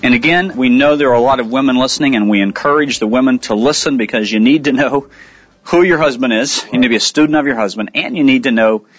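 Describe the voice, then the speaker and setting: A man's voice: mid-range voice, fast, no room sound. Earnest male radio ministry host. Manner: earnest, conversational, reads rap lyrics aloud. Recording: dull lo-fi studio sound with faint music.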